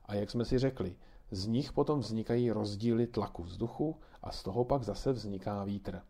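Muž hrající laskavou babičku, trpělivě vysvětluje dětem, tlumený hlas, pohádková kniha. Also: male voice, lowish voice. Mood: patiently explaining. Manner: patient, gently explaining. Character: kindly grandmother explaining weather to children.

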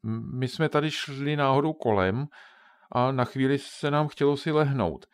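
A man voicing a clever young girl in a children's audiobook, explaining things in a quick, hushed, matter-of-fact way. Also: medium pitch, smooth, no echo, pitched above the performer's own voice, lightly acted. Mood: hushed, sensible. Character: clever, bossy young girl, a whispering schoolgirl.

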